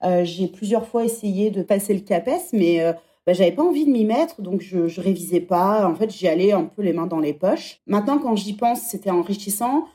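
With a mid-range, warm voice, lively intonation and normal speed, a woman in her thirties reflects aloud on a podcast. She is a former teacher taking part in a conversational interview.

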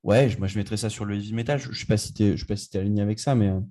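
Mellow-voiced man chatting enthusiastically. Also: on the low side, rapid-fire. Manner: enthusiastic, rambling with restarts. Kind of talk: casual chat.

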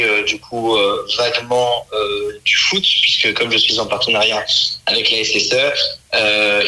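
A young man in his twenties talks as a comedian guest on a radio show. His voice is low-pitched yet very bright and forceful. He rambles in a relaxed, chatty way, full of fillers. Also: rough recording. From France. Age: 20s. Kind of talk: casual radio interview.

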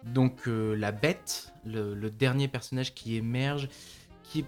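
A man's voice: mid-range voice, steady tone, slow pace, a little mellow, soft background music. A man co-hosting a casual film podcast, talking with many fillers and restarts and laughing often. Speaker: podcast co-host.

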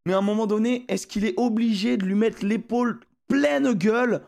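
Animated man arguing sports calls. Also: sits high, normal speed, vocal fry. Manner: animated, argumentative, swears freely. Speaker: podcast host. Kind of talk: casual sports debate.

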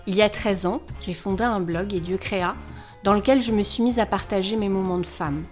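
A woman in her forties narrates in a calm, confiding, intimate way, as though speaking to one listener. Her voice sits at a middling pitch, neither high nor low, and the delivery is scripted and even. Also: brisk, faint music behind. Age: 40s. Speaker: blogger and host.

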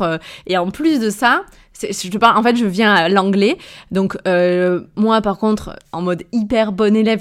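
In a casual storytelling monologue, a mid-range female voice with an Avignon-area southern French accent wanders chattily through her tale. The podcast host and entrepreneur keeps hesitating, revising herself and letting out brief laughs, talking to the listener in a familiar tone.

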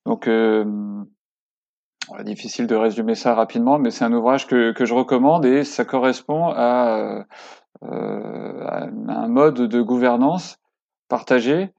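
A man's voice: mid-range voice, a little slow, gravelly, darkish tone, highs cut off. A man speaking as a guest on a casual podcast interview, hesitant with many fillers and restarts but enthusiastic. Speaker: podcast guest, workshop co-creator.

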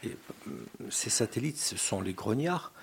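A man's voice: mid-range voice, lively intonation, moderate pace, a little hiss or hum. An older man speaking as a guest about his band, fervent and repeating words as he searches for them. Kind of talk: casual enthusiastic talk.

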